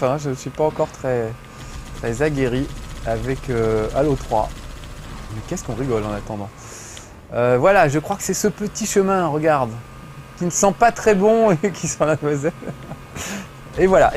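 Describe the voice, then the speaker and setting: A man's voice: fairly high pitch, darkish tone, slight background noise. Chatty, joking male game commentator. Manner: chatty, joking, swears casually. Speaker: host playing a video game. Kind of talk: gameplay commentary.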